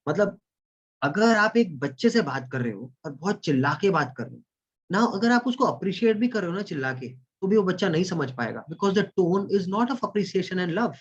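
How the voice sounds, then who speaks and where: A corporate trainer with an Indian accent runs an online communication session over a video call, switching between Hindi and English and thanking chat participants by name. His voice is high, husky and expressive, at a moderate pace, and the audio sounds dull.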